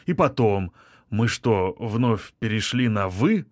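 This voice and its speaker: A man's voice: lowish voice, animated, takes it slowly, dry recording, studio quality. A man playing a middle-aged violinist, a pushy suitor who wheedles and sulks and turns spiteful. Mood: wheedling. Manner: wheedling, offended, turning menacing. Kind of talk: audiobook character reading.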